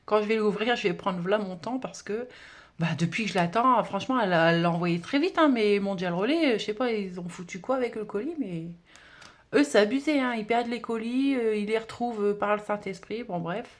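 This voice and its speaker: A budget-challenge vlogger, a woman with a brisk, mid-range voice, chats casually while unboxing a parcel. She gushes and exclaims, using lots of fillers.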